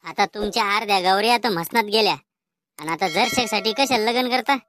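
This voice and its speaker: A woman's voice: medium pitch, quick pace, fairly bright tone, slight background noise, natural voice. A woman voicing a cheeky, mocking young grandson in a cartoon comedy, with a Vidarbha Marathi accent and a teasing way of talking.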